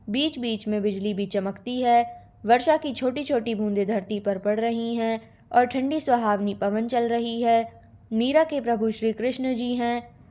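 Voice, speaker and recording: A woman's voice: fairly high pitch, a little mellow. A woman teacher steadily reading out a poem explanation and answers for a school lesson.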